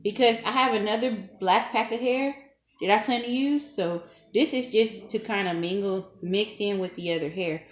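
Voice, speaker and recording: A chatty young woman who makes hair tutorial vlogs talks through a casual tutorial in a small, dim room at home, teasing herself and laughing often. Her mid-range voice moves at normal speed. The camera is propped low in front of her, and the room is echoey with faint noise.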